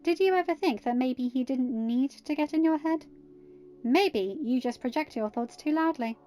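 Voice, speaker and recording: Woman acting Princess Leia, high-pitched and fiery. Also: moderate pace, warm tone, soft background music, close to an everyday voice. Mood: insistent. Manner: argumentative, insistent. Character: fiery, sharp-tongued young princess, indignant and proud. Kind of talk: dramatised audiobook reading.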